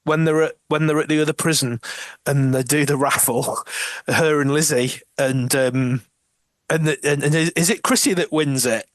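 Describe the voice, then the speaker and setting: A man co-hosting a podcast, retelling TV scenes in casual chat, animated, laughing often and restarting his sentences. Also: fairly high pitch, normal speed, no room sound, clean studio sound. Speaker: podcast co-host.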